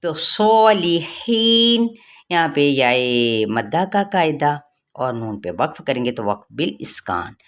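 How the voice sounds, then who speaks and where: A woman with an Urdu accent teaching Quran pronunciation rules, reciting words slowly and then explaining each rule. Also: very deep voice, animated. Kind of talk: tajweed lesson with slow recitation.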